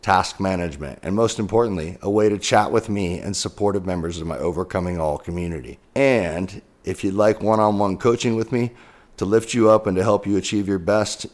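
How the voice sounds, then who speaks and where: A man's voice: sits low, a little mellow. A man who works as a coach, delivering an upbeat, emphatic promotional read.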